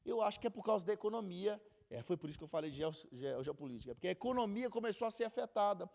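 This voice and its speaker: A man's voice: high voice, expressive, racing, gravelly, a little mellow. A man with a Brazilian Portuguese accent teaching a casual Bible class, chatty and joking as he goes. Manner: chatty, jokes and laughs while teaching.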